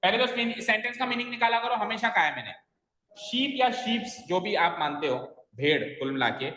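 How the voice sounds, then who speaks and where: A man's voice: high-pitched, expressive, moderate pace, pushed and bright. A man teaching a grammar lesson in a classroom, explaining step by step and quizzing his students with questions. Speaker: English teacher. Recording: echoey classroom with long reverb.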